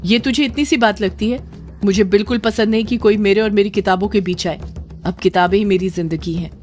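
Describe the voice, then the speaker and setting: A woman's voice: mid-range voice, moderate pace, soft background music, natural voice. A woman voicing a furious young husband. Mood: angry shouting. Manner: shouting, scolding. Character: angry young husband, bookish and harsh.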